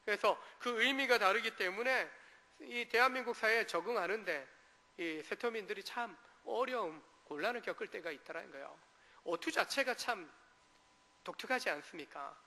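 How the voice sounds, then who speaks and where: Bright-voiced male pastor preaching. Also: high voice, moderate pace, long reverb tail. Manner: rhetorical questions to the congregation; acts out short dialect quotes. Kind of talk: sermon. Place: church sanctuary.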